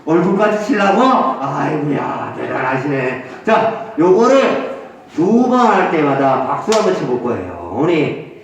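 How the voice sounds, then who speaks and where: A man's voice: on the high side, big pitch swings, a little slow, vocal fry, some chatter behind. A man leading a group game for seniors, coaxing and teasing them as he counts off each cue. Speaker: senior recreation instructor. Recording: very echoey hall, distant mic.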